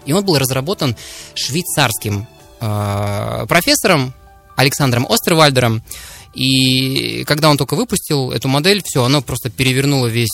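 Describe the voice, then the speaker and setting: A man's voice: medium pitch, a bit bright. A man speaking as an expert guest in a radio studio interview, explaining things step by step to listeners. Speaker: studio guest, serial entrepreneur.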